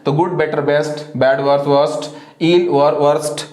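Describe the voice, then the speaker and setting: A man teaching an English grammar lesson, who asks questions and answers them himself, slow and deliberate, often spelling words letter by letter. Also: a little high, level tone, darkish tone, echoey room. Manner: slow and deliberate, repeats filler phrases.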